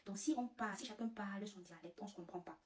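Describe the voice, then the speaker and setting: A woman telling a comic story as a vlogger, animated and laughing at her own tale. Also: mid-range voice, fast, distant mic. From Cameroon. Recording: roomy, away from the mic.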